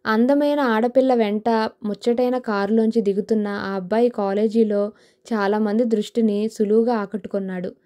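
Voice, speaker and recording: A woman narrating a novel in a steady storytelling manner. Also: mid-range voice, moderate pace. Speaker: audiobook narrator.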